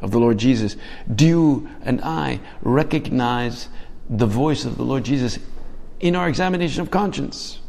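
A man's voice: medium pitch, creaky, darkish tone. A man giving a reflective homily, asking his listeners many questions and often restarting his phrases. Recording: hall reverb.

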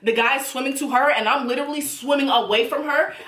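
A woman telling a story casually, animated and laughing as she goes, swearing freely. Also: high voice, fast talker, reverberant. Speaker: storytelling vlogger.

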